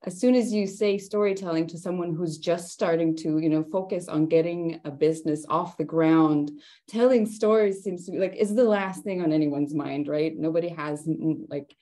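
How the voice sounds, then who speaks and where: Brief: thirties woman, low warm voice, chatty workshop presenter, easy laughter. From Estonia. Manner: chatty, laughs between phrases, many fillers. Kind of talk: conversational presentation.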